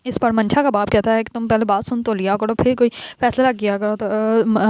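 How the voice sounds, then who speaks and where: A woman casually retelling a drama episode as a narrator, often pausing on hesitant filler sounds. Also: fairly high pitch, warm tone, no echo.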